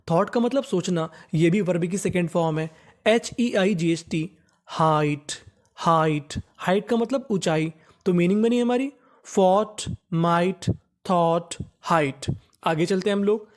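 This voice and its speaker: A man teaching English phonics in a lesson. He spells each word out slowly, says it twice in a lower voice, and asks the class short questions that he answers himself. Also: darkish tone.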